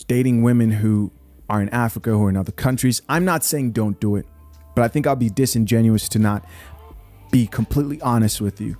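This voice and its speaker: A man's voice: fairly low pitch, a little mellow. Man born in Zambia, podcast host, direct opinionated talk, close mic in a small home studio, faint music underneath. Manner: blunt, emphatic, addresses viewers directly. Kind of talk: opinionated commentary. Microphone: close studio mic, wearing headphones.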